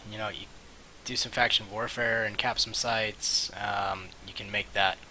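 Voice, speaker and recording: Guy streaming a game, really sharp forceful voice, pretty monotone, halting rambly chat, mouse clicks and a bit of hiss. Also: on the low side, low-quality recording. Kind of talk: casual game stream commentary. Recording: hissy mic, faint background noise.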